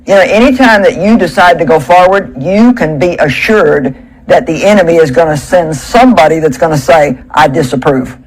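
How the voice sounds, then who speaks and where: A woman's voice: deep voice, moderate pace, breathy edge, low-quality recording. Woman preacher, pulpit microphone, conversational and emphatic, rhetorical questions. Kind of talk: sermon.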